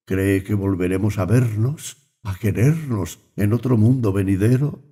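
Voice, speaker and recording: Anxious pious young woman, read by a man: pleading, slow, dark tone. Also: on the low side. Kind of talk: audiobook reading.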